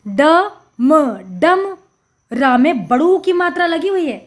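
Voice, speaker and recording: A woman teaching a Hindi lesson to young children, sounding out syllables slowly and patiently, repeating each word with emphasis. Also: high-pitched, expressive. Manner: addresses children directly, patient explaining. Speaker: primary school Hindi teacher.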